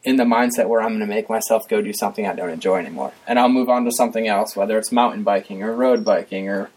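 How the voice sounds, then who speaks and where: A man's voice: lowish voice, quick pace, a little mellow, rough recording. A chatty man guesting on a podcast. He rambles along in an easy, casual way and breaks into laughter often. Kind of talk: casual chat.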